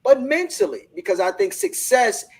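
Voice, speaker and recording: A man's voice: very high voice, very animated, normal speed, gravelly, husky, poor audio. A man hosting a live online business discussion, talking in an enthusiastic, motivational way and often repeating words as he starts a thought. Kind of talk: casual group discussion.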